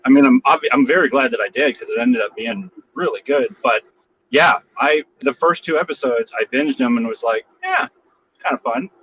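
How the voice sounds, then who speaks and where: A man's voice: medium pitch, lively intonation, moderate pace, a bit bright, slight background noise. A man calling in from his car, with a tinny, metallic phone sound, chatting casually and joking as a podcast co-host. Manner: joking, easygoing, rambling with fillers. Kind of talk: casual chat. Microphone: mobile phone call.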